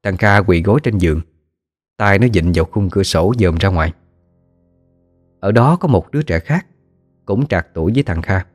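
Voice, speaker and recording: Deep-voiced man narrating a ghost story. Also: no echo, soft background music. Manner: steady, measured storytelling.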